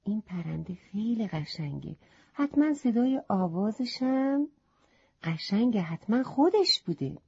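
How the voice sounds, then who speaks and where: A woman's voice: mid-range voice, big pitch swings, vocal fry, warm tone, husky, full character voice. A woman voicing a curious, polite little boy in a children's story, asking wondering questions, on a slightly muffled recording.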